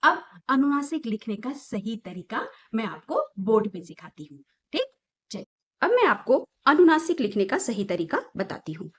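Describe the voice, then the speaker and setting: A young woman with a slightly high voice gives a lesson to small children. She talks in an emphatic, sing-song way. She asks questions and answers them herself. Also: very animated, moderate pace, husky. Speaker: teacher.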